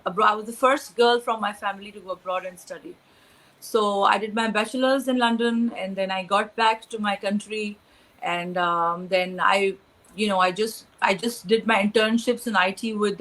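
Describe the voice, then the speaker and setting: A woman's voice: mid-range voice, fairly bright tone, rough recording. A young woman from Pakistan answering interview questions, hesitant, with many fillers and restarts. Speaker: interview guest.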